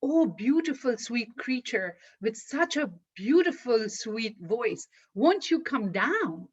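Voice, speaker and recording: A woman storyteller voicing the scheming male leader of a band of thieves, flattering and coaxing. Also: a little high, slow, slightly rough, full character voice. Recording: dull lo-fi recording.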